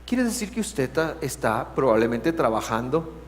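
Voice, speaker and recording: Animated Guatemalan preacher in a reverberant hall. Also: male voice, mid-range voice. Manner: animated preaching, alternating loud emphasis with hushed, drawn-out words. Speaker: pastor. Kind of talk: sermon. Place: church sanctuary. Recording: reverberant hall, faint hum.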